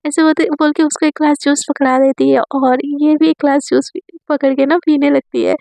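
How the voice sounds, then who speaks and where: A woman narrating a romance story in a casual, chatty way, with a dry throat from fasting. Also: high-pitched, level tone, creaky, dark tone, no echo.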